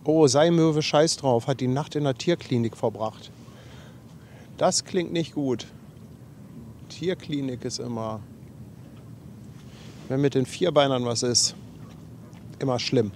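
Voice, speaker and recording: On a harbour riverbank, a livestream host with a cold and a slightly runny nose reads out viewer messages and chats in a self-deprecating, casual way. He takes it slowly with long pauses, in a medium-pitched, somewhat mellow voice, over a little hiss or hum.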